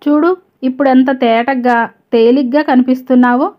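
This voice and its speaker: A woman storyteller voicing a kind, caring young male coworker who speaks softly and gently, on a slightly dull lo-fi recording. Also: sits high, steady tone, normal speed, lightly acted. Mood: gentle. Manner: gentle, soft-spoken.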